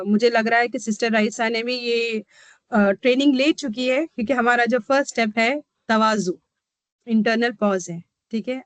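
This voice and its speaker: A woman with a fairly high voice teaches an online workshop as a counsellor. She explains step by step and keeps checking that her listeners follow. Her voice sounds dry and close to the mic. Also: no echo. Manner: explains step by step, often asking "ठीक है?". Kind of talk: teaching workshop, mixing Hindi and English.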